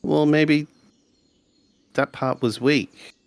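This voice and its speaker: In an improvised 1980s sci-fi mystery tabletop game, a man plays a laid-back, skeptical schoolboy, speaking in a dry, hesitant way. He pushes his voice up to a slightly high, steady tone and talks very slowly.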